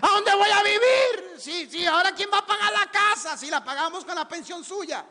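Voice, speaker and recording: A man playing a grown son who shouts and sobs over his dead mother in a sermon. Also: very high-pitched, animated, moderate pace, slight background noise, pitched above the performer's own voice, heavily acted. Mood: desperate wailing. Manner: shouting and sobbing.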